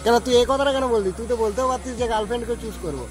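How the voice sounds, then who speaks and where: A man hosts in a casual, chatty way and presses with questions. His voice is high and he talks very quickly. Music runs underneath. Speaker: host making prank calls to friends. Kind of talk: casual chat.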